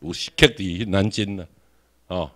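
A man's voice: sits low, fairly even intonation, slow. A man with a Taiwanese accent giving a classroom lecture, questioning the audience and repeating his points.

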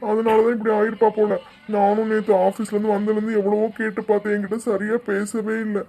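A woman's voice: mid-range voice, monotone, fast, dark tone, natural voice. A woman doing a troubled middle-aged family man in a cartoon, pleading and anxious, with an ordinary mid-height voice. the tone is plain and unforced, more everyday than acted. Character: worried middle-aged husband and father. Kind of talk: cartoon voice acting.

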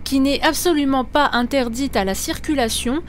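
High-voiced woman narrating a vlog. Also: normal speed, a little hiss or hum. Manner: clear, storytelling recap. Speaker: motorcycle vlogger.

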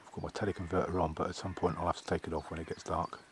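Middle-aged English man, low and level delivery, casual outdoor vlog, arm's-length camera. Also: level tone, very fast, slight background noise. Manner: plain, chatty, matter-of-fact. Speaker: wildlife photographer. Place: outdoors in a field by trees.

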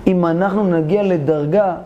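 A rabbi tells a parable in an animated, theatrical way. His voice sits high for a man and jumps between exclamations and asides, with a faint hiss behind it. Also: lo-fi sound. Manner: animated, theatrical storytelling, addresses the audience directly. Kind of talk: storytelling sermon.

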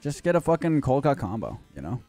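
A man's voice: mid-range voice, fast talker, dry recording, faint music behind. A man co-hosting a live stream, reacting to videos in casual, blunt chat with frequent swearing. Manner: blunt, swears often, lively.

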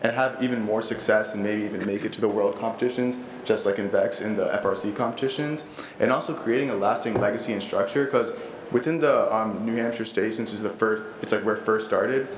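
Speaking briskly in a low-leaning voice, a teen stands at the lectern mic to introduce his robotics team to the school board. He's earnest and keen, often restarting and filling pauses, in an echoey library meeting room with slight background noise indoors.

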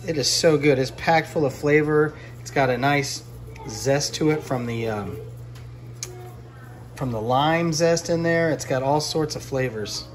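A fishing vlogger in his forties cooks fish in his home kitchen, chatting casually on a handheld phone camera. His voice is a little high and his pace a little slow, and he narrates in a relaxed, chatty way as he works.

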